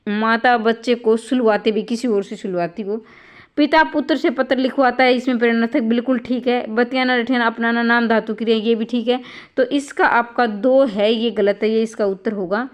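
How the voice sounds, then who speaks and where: A woman's voice: on the high side, steady tone, normal speed. A woman tutor explaining exam answers one by one, often adding "bhai" and "theek hai" as she checks each option.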